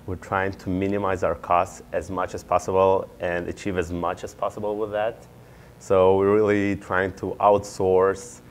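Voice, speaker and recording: A man's voice: sits low, slight background noise. A young man, an MBA student and startup founder, answering interview questions in an earnest, explanatory way with occasional fillers. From Israel.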